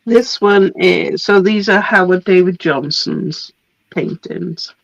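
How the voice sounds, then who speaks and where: Her voice going as a cold sets in, a woman casually presents craft papers, often laughing and tailing off with ums. The delivery is slow, low-ish, and gravelly. The audio is dull, with no room sound.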